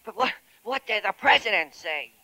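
A man's voice: high-pitched, animated, normal speed, pushed and bright, dry recording, exaggerated voice, rough recording. A man playing a fretful little mouse. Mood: anxious. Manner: anxious, stammering.

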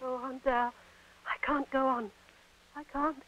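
A timid young stage actress. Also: female voice, high voice, little pitch movement, unhurried, fairly bright tone, roomy sound, slight background noise. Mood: anxious. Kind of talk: 1940s radio acting. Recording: muffled old radio recording with faint music.

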